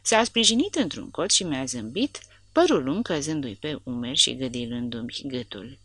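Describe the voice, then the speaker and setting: A woman narrating an audiobook in a lively, expressive storytelling manner. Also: very deep voice, slightly rough, no echo.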